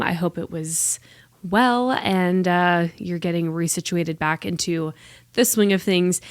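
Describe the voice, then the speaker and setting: On her solo podcast, an American woman in her late twenties chats in a loose, rambling, self-deprecating style, dropping "like" again and again. She has a lowish voice, captured in a dry recording.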